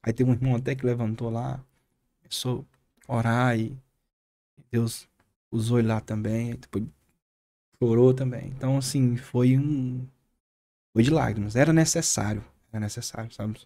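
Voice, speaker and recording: A man, a pastor with a Brazilian accent, earnestly retelling a moving experience as a podcast guest, with halting restarts. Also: medium pitch, little pitch movement, warm tone. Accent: Brazilian Portuguese. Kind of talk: podcast interview storytelling.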